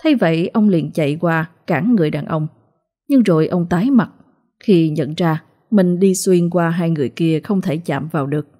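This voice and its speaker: A woman narrates a ghost story with steady drama. Her voice is low-pitched, dark and a little husky. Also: normal speed.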